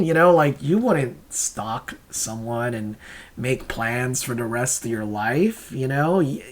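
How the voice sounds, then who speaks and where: A man's slightly high, somewhat bright voice carries casual, wandering commentary from a comic creator and host. He comes across as hesitant and self-questioning, and he chuckles as he explains.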